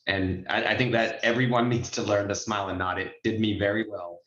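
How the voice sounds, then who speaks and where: This notary trainer and host, a man in his forties, speaks fairly quickly with a fairly low, somewhat bright voice and fairly even intonation. The group video call sounds muffled and roomy, and his coaching is chatty and full of examples.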